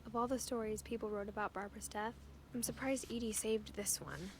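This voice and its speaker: A young woman narrating a game in a soft, hushed, wistful voice. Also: fairly high pitch, fairly even intonation, a little fast, background noise, lightly acted. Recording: narration over game music.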